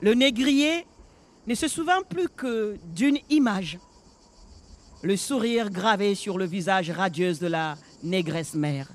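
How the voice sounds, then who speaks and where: A slow, high-voiced restless ghost. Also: male voice, expressive, slight background noise. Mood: storytelling. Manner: slow, solemn, incantatory delivery. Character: ghost of a murdered man, haunted and restless. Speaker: storyteller. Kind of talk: radio drama performance.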